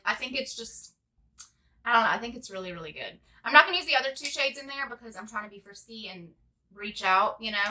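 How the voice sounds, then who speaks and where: A woman's voice: a little high, bright, forceful tone. A woman in her twenties chatting casually through a makeup tutorial, rambling with lots of "like". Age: 20s. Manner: rambling, chatty, heavy use of "like". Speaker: beauty vlogger.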